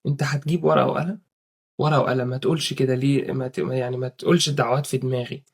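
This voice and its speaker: A man's voice: mid-range voice, flat delivery, very fast, vocal fry, husky. A young man with an Egyptian Arabic accent giving earnest casual advice to viewers, often swearing oaths. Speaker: religious advice speaker.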